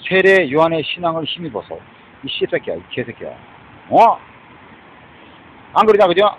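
This street-preacher-type ranter speaks in a fairly high, sing-song voice that's a bit bright, at a moderate pace. With a Korean accent, he curses constantly, blends Korean and English, and punctuates his angry, rambling lines with a provocative "eh?". Slight background noise runs under a dull, lo-fi recording.

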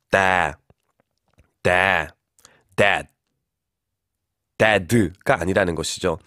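A man teaching English on air, explaining pronunciation and modelling slow English phrases. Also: fairly low pitch, no echo, studio quality. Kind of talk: radio English lesson.

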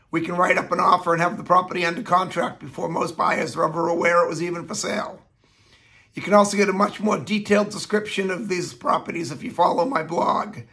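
Raspy, high-pitched older man with a cold. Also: bright, forceful tone. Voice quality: raspy, slightly nasal. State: hoarse, getting over flu. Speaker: real estate agent presenting market update. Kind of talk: informal scripted-style video presentation. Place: small furnished living room, indoors.

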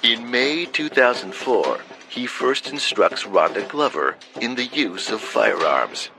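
Expressive male true-crime narrator. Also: mid-range voice, slow, vocal fry. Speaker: documentary narrator. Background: documentary music.

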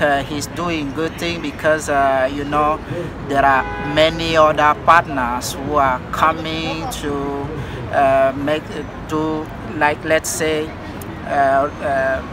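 A middle-aged man from Cameroon answers an interviewer, his voice a little high for a man. He pauses often and searches for his words. Traffic noise from the park is clearly audible. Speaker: interview guest, civil society leader. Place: outdoors on a park bench.

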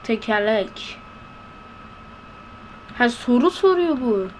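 A woman giving let's-play commentary in a hushed voice, blurting excitable reactions and slang while playing. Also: a little high, slow, slight background noise. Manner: talking in a hushed voice. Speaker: gameplay commentator. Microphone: close to a desk microphone.

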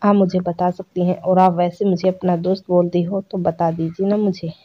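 A woman's voice: lowish voice, level tone, normal speed, a little hiss or hum, natural voice. A woman voicing a caring, respectful young male house servant, speaking politely and deferentially. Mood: devoted. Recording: dull lo-fi recording.

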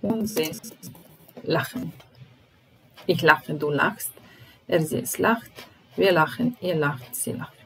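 A woman teaching German vocabulary, explaining in English and slowly repeating each word and verb form. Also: deep voice, creaky, fairly bright tone, poor audio. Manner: slow and deliberate, repeating each word and conjugating verbs. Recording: music playing under the voice.

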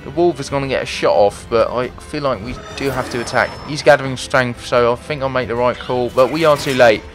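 A man's voice: medium pitch, fairly quick, music in the background. Chatty man narrating his gameplay. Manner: chatty, self-deprecating, thinking aloud. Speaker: gaming video host. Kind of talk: let's play commentary.

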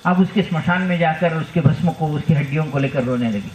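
A man's voice: on the high side, a little fast, darkish tone. A spiritual teacher, a man, telling a devotional story and acting out the characters' lines in raised voices. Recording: dull roomy hall recording with faint noise.

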